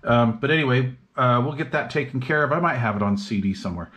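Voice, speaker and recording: Quick-paced and expressive, with a mid-range, slightly bright voice, a hobbyist host thinks aloud in slangy, off-the-cuff talk as he tests and shows off an old CB radio on the bench. The recording is noisy, with receiver hiss and radio chatter in the background.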